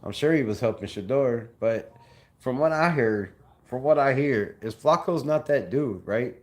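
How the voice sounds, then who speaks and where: Speaking a little slowly in a mid-range voice, a young Southern Californian hosts a relaxed fan livestream. He uses plenty of slang and repeats himself while going through chat comments.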